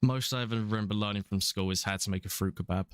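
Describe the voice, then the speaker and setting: While streaming a game, a twenty-something Londoner from England keeps up casual, rambling commentary peppered with chuckles. His voice is on the low side and smooth, with fairly even intonation and a fast delivery. The recording is dry and studio quality.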